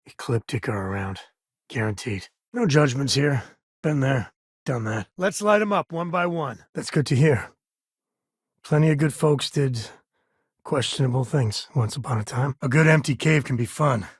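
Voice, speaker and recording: Sam Coe, husky easygoing space cowboy. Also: male voice, medium pitch, expressive, normal speed, no room sound, studio quality. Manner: folksy, conversational, wry. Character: easygoing, warm-hearted frontier spacefarer, a devoted father. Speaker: video game companion character. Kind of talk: video game character dialogue.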